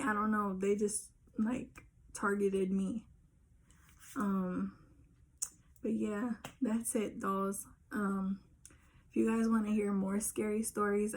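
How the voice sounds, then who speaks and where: Addressing her audience directly, a young YouTuber shares a personal story casually yet earnestly, pressing her points insistently. She speaks at medium pitch with a slightly mellow quality, in a low-quality recording.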